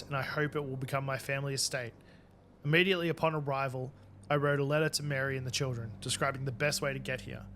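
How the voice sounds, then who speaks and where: A man's voice: on the high side, sharp tone. A man reading a reflective diary as an old captain and lighthouse keeper in a video game. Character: old male sea captain, wistful first lighthouse keeper.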